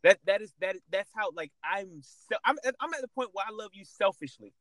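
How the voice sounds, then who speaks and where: Man, casual chat, rambling fillers, high pitch, dry sound. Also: lively intonation, brisk, a bit bright, no room sound. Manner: rambling, many repeated fillers.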